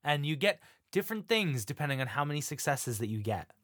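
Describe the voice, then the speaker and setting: A man's voice: a little high, big pitch swings, fairly quick, a bit bright, dry recording, clean studio sound. A man running a tabletop game as game master, narrating the improvised action in a theatrical, playful way.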